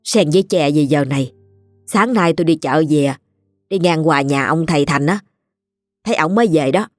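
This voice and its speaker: A woman's voice: low voice, moderate pace, a little mellow, dry recording, soft background music, close to an everyday voice. A woman voicing an urgent, chatty village neighbor.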